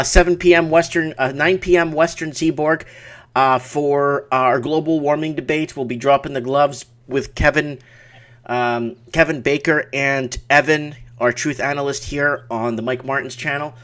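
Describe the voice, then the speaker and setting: Higher-pitched man hosting a live stream. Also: fairly even intonation, normal speed, a bit bright. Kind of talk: casual late-night live stream broadcast. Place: small home office at night.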